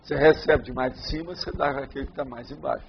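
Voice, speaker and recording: A man's voice: mid-range voice, fairly even intonation, fast talker, creaky, slight background noise. An older man with a Brazilian Portuguese accent, answering students' questions in a lecture, playful and teasing, who keeps asking whether they follow. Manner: playful, jokes with the audience; repeats checking questions. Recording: muffled lo-fi recording.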